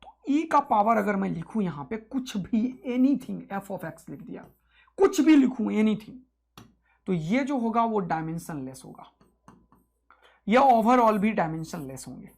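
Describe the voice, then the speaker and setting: A male physics teacher giving an exam-prep lecture, energetic and rousing, repeating key points to his students. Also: high voice, a little slow, gravelly.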